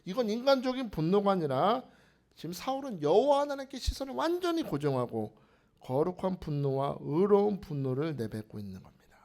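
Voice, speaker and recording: Animated, high-pitched Korean male preacher. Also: brisk. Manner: animated preaching, rhetorical questions to congregation, drops to whispers for emphasis. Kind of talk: sermon.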